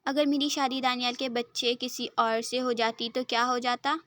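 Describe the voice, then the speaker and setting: A woman voicing a gentle, apologetic young woman about to marry, who asks timid, hesitant questions, in a dry recording. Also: on the high side, flat delivery, moderate pace, dry recording, lightly acted. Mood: timid, coaxing.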